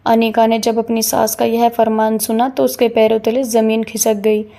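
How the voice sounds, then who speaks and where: Woman narrating a story, dark and even. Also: on the high side, normal speed, gravelly. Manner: even, steady reading, voicing all characters' dialogue in the same voice.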